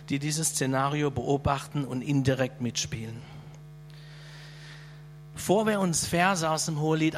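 A man's voice: on the high side, a little hiss or hum. A man preaching a sermon in a conversational way, often checking in with his listeners. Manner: conversational, with frequent "ja?" to the audience.

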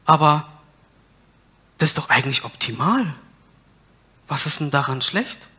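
A man's voice: on the high side, expressive, unhurried, sharp tone, husky. A man preaching a sermon, asking his listeners rhetorical questions and reading scripture aloud with emphasis.

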